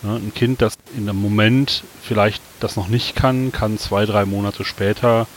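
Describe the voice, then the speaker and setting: A man explaining things casually and haltingly as a podcast guest. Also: lowish voice, fairly even intonation. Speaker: podcast guest, trained educator. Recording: faint hiss behind the voice.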